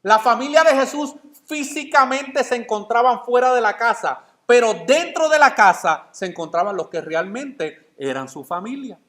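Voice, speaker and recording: A man preaching from the pulpit, his voice pitched high for a man. He keeps firing rhetorical questions at the congregation and then answers them himself. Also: animated, normal speed, hardly any pauses, fairly bright tone. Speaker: pastor. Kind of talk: sermon.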